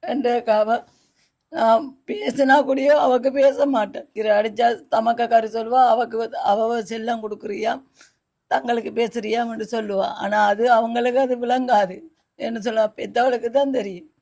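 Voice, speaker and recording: Gravelly-voiced Sri Lankan Tamil mother. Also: on the high side, steady tone, moderate pace, dark tone. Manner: plaintive, earnest. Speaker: mother describing her hardship. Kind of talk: emotional personal account.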